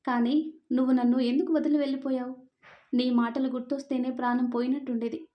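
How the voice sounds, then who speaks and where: A woman's voice: high-pitched, little pitch movement, brisk, muffled recording, close to an everyday voice. A woman storyteller voicing a heartbroken young wife who is tearful and longing, speaking in a plaintive, questioning way. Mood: hurt, pleading.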